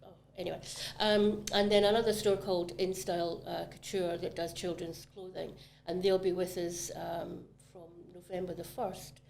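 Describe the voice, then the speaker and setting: Her voice is fairly low and darkish, level in tone with vocal fry, at normal speed with few pauses, and there's a little hiss or hum. She's a commercial property manager from Scotland with a Scottish accent, talking chattily and eagerly about retail property on a podcast, full of ums.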